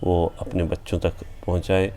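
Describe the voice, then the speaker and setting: A man from India who hosts a channel, reciting his own poem with repeated refrains and then talking about it plainly, pausing on "a" fillers. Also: sits low, little pitch movement, warm tone, slight background noise. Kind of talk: poetry recitation with spoken commentary.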